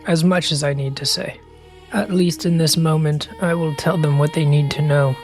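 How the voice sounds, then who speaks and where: A man's voice: fairly high pitch, fairly even intonation, moderate pace, soft background music, natural voice. A man voicing a weary, haunted male warrior who survived a massacre, speaking solemnly and earnestly in a tabletop role-play. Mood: grave.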